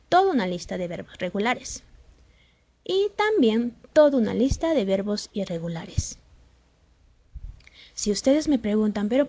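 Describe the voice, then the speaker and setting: A woman's voice: mid-range voice, dark tone, no echo. A woman English teacher and native Spanish speaker, explaining grammar rules step by step in a patient classroom style with rhetorical questions.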